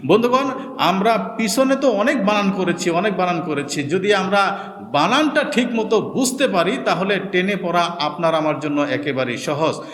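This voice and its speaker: A man teaching a Quran reading class. He drills the sounds syllable by syllable and repeats each word slowly. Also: high voice, lively intonation, a bit bright. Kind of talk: recorded reading lesson. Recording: echoey room with long reverb.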